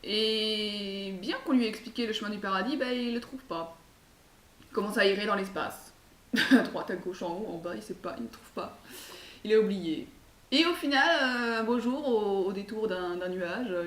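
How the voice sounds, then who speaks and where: Chatty woman telling a folk tale. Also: mid-range voice. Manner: chatty, hesitant, many fillers and asides. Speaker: storyteller. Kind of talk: casual oral storytelling. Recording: echoey room, far mic, faint hiss.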